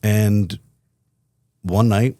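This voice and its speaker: A middle-aged man, a company CEO, telling candid stories from his past as a podcast guest, reflective and quick to laugh. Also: on the low side, fairly even intonation, dark tone, no echo, studio quality. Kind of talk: casual interview storytelling.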